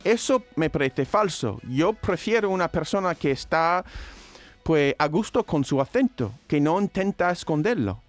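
Expressive man with a New York accent. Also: moderate pace, soft background music. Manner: expressive, opinionated, sweeping pitch. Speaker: panelist on a talk show. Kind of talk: casual chat.

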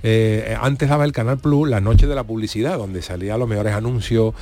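A man's voice: fairly low pitch, steady tone, normal speed, a little mellow. A man chats casually on a radio show. He tells his stories in a rambling way, circling back and restarting as he goes. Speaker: radio co-host. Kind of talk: casual chat, telling anecdotes.

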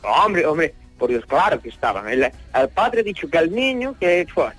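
An actor playing an earthy, flustered Catalan peasant in a radio comedy sketch, rambling and stammering apologetically. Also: male voice, a little high, big pitch swings, normal speed, a bit bright, soft background music. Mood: earnest, muddled.

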